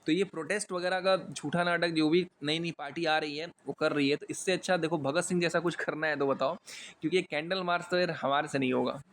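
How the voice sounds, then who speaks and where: A man's voice: a little high, steady tone, fairly quick, fairly bright tone, a little hiss or hum. A man with an Indian accent giving a casual vocabulary lesson, chatty with jokey asides and some stumbles over long words. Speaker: exam English teacher.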